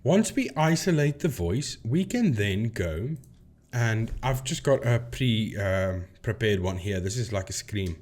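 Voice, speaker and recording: This debunker of paranormal claims has a fairly low, darkish, sing-song voice and an unhurried delivery, with slight background noise. He narrates a screen demonstration with explanatory commentary, stressing points emphatically and repeating phrases.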